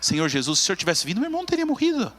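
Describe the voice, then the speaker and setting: A man's voice: a little high, huge pitch swings, very fast, fairly bright tone, long reverb tail. A man playing a grieving woman who pleads plaintively. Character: grieving woman at a teacher's feet.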